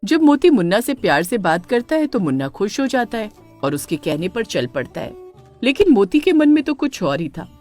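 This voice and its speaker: A woman giving scripted, expressive narration for a cartoon story. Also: medium pitch, normal speed, faint music behind.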